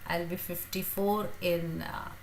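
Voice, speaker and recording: A woman's voice: fairly low pitch, fairly even intonation, slight background noise, low-quality recording. Chatty fifty-something woman. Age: 50s. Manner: chatty and grateful, many pauses and fillers. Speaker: teacher and livestream host. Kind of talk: casual livestream Q&A chat.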